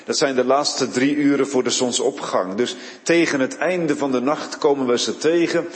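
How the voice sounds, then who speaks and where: A man's voice: medium pitch, moderate pace, in a large hall. A man preaching a sermon, retelling a Bible story with dramatic storytelling and frequent word repeats.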